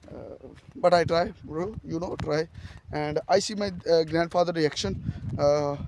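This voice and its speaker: A man's voice: a little high, measured pace, vocal fry, darkish tone, slight background noise. A young man with a Pakistani accent vlogging outdoors at his village farmhouse, speaking broken English full of filler sounds and laughing at himself. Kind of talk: casual vlog to camera.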